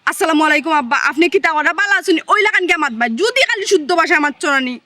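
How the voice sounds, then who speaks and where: A stubborn young Sylheti wife, played by a woman, scolding her husband in a comic regional drama. Her voice is very high, bright and quick. The sound is dry and close. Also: animated, dry recording. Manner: scolding, nagging, rapid-fire.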